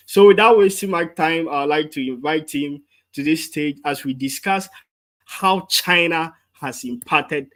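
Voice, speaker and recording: A man hosting a live-streamed interview, upbeat and quick to say wow. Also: a little high, a bit bright. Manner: upbeat, fond of "wow" and "so powerful". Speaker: host.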